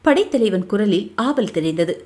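A woman reading a historical novel aloud as an audiobook narrator, with a steady storytelling delivery. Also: mid-range voice, normal speed.

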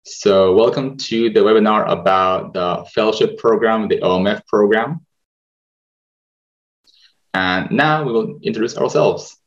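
An Israeli medical student with a low voice hosts a webinar over slides, speaking a little slowly in a relaxed, hesitant way full of fillers. It's captured on a video-call webcam, giving dull audio.

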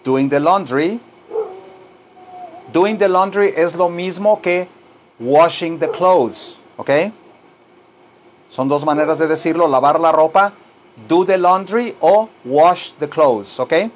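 Slow-drilling male English teacher. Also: on the high side, slight background noise. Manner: slow, drawn-out modeling of English phrases, repeating each word; playful teasing asides. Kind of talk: language lesson.

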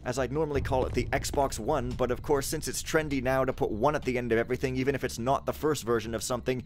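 A man's voice: medium pitch, steady tone, fast, slight background noise. A man giving casual, sardonic, rambling commentary as he plays through a video game. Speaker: let's play host. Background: video game sound and music.

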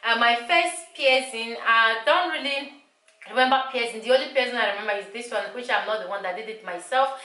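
Fairly high-pitched and sharp, she talks fairly quickly to camera. A vlogger in her thirties, she has a Nigerian accent, grew up speaking Igbo, and repeats herself a lot while chatting casually in a small, bright, echoey room indoors.

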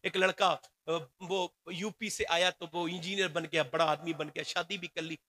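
A man's voice: on the high side, fairly even intonation, sharp tone. A man preaching a sermon, telling a story with passion.

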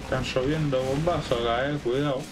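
A man's voice: medium pitch, steady tone, brisk, over loud music, poor audio. A man in his thirties with an Argentine accent, chatting casually while he plays a game on stream. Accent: Argentine Spanish. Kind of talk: casual chat while playing. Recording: game gunfire and rain behind. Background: war game sounds.

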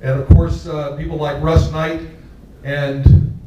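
On stage in a big hall, an older man from Texas gives a jovial, anecdotal award acceptance speech with a handheld microphone, laughing with the audience as he tells stories. He speaks slowly in a level, slightly high voice. The camera is far away, so the sound is echoey, lo-fi and carries background noise.

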